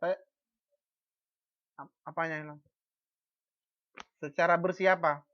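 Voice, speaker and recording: Teacher over a video call, slow measured delivery, muffled lo-fi audio, quizzes the class, stumbles and repeats syllables. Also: medium pitch, fairly even intonation. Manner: asks the class questions and answers them; frequent false starts and repeated syllables. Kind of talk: online class lecture.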